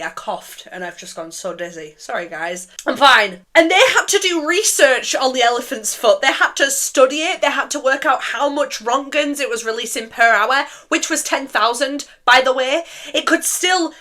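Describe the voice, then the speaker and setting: A young woman, hosting a casual vlog in a chatty, animated way with offhand swearing. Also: fairly high pitch. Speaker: YouTuber host.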